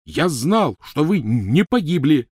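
A man voicing a teenage boy wizard who pleads loudly, blusters and tries clumsy jokes. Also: mid-range voice, sing-song, moderate pace, dry recording, clean studio sound, pitched above the performer's own voice. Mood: pleading. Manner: loud, pleading, clumsy joking.

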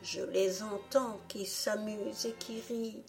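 A woman voicing a shy old box bed that speaks in a small, hushed, half-whispered voice. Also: mid-range voice, fairly even intonation, takes it slowly, gravelly, faint music behind, pitched above the performer's own voice. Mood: secretive.

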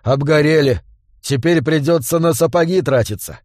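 A man voicing a bitter, sulky male tavern keeper who complains in a lowered, glum voice. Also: normal speed, darkish tone, dry recording, studio quality, close to an everyday voice.

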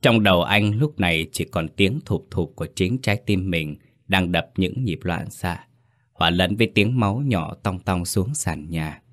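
Deep-voiced man narrating horror. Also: expressive, fairly bright tone. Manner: dramatic, measured storytelling.

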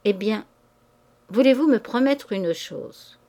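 A woman reading the part of an ambitious young man who speaks softly and coaxingly, with a cool edge. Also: on the high side, lively intonation, slow pace. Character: smooth-talking ambitious young man, cold.

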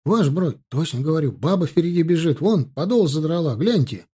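A rough, excitable dragoon soldier from the Caucasus, as a man puts him on, shouting in a raised, higher voice that stays urgent and pleading. The tone is dark and mellow, heard in a spoken audiobook. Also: moderate pace. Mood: excited.

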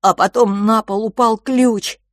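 A woman's voice: fairly high pitch, steady tone, no echo, pitched above the performer's own voice, close to an everyday voice. A woman voicing a frightened young boy close to tears who stammers and breaks off mid-sentence. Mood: frightened halting. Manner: halting, stammering, unsure.

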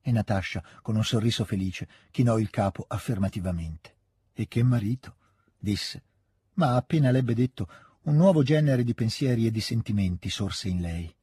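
A man reading a classic novel aloud on radio, with measured, expressive storytelling. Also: lowish voice, slightly rough, no room sound, studio quality. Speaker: radio reader.

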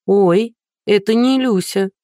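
A woman's voice: mid-range voice, lively intonation, unhurried, darkish tone, no room sound, studio quality, pitched above the performer's own voice, natural voice. A reader voicing a flustered, anxious blonde woman in her thirties, firing off nervous questions. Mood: wary.

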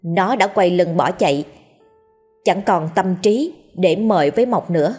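Female storyteller for a horror tale, steady and dramatic, husky tone, faint music bed. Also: lowish voice, a little slow. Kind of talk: scripted horror story narration.

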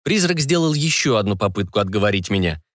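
Brief: male audiobook narrator, lively melodic delivery, dry close mic. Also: fairly low pitch, fast talker, dry recording. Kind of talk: scripted first-person narration.

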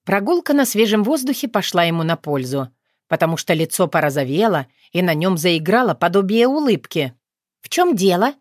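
A woman narrating an audiobook in a measured, unhurried way. Her voice is on the low side. The recording is dry and close, with no room sound. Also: big pitch swings, no room sound. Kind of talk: scripted narration.

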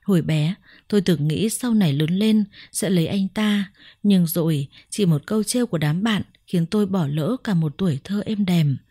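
A woman narrates a first-person story in a measured, reflective way. Her voice sits on the low side and sounds mellow. The recording is close and dry, with no room sound. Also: no room sound.

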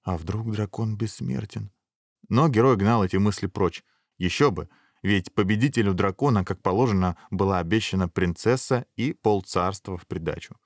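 A man reading a fairy tale aloud in a measured storytelling voice. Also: low-pitched, no echo, studio quality. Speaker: narrator.

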